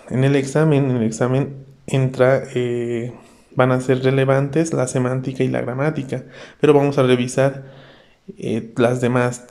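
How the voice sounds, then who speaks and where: A man's voice: mid-range voice, darkish tone. A young man with a Bolivian Spanish accent, teaching an online pre-university class, explaining step by step and often checking in with his students.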